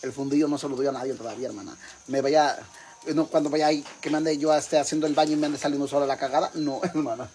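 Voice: mid-range voice, fairly even intonation, fast, mellow, slight background noise, close to an everyday voice. A performer voicing a crude, boastful Mexican mother with a Mexican accent, rambling gossip to her sisters in a comic monologue. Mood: brash gossip.

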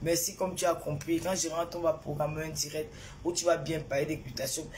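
A woman's voice: deep voice, fairly even intonation, brisk, darkish tone, a little hiss or hum. Woman on a phone live, indignant, asks questions over and over, greets viewers by name. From Cameroon. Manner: indignant, repetitive rhetorical questions. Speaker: social media personality. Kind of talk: live-stream monologue to followers.

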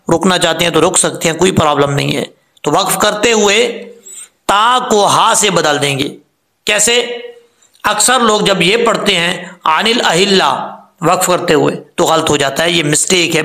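A man explains recitation rules step by step, stopping to draw out example words slowly. His voice sits high and bright, with a gravelly edge. The room around him rings with echo. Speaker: Quran recitation teacher. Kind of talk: tajweed lesson.

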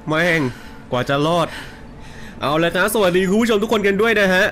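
A young man streaming a horror game into a desk mic, joking and swearing coarsely. His voice sits a little high, and faint ambient noise runs underneath. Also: animated, normal speed. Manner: jokey, coarse swearing, loud yelps when startled. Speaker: gaming streamer. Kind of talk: casual let's play commentary.

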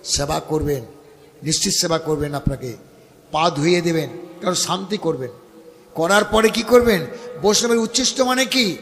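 A man with a West Bengal accent gives a devotional sermon, speaking high in his register. He preaches directly to his audience and breaks into chanted verses. The sound rings with a long hall reverb. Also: moderate pace, fairly bright tone, a little hiss or hum. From India. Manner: preachy, addresses listeners as baba. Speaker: Bhagavat reciter. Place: gathering at a home, live audience.

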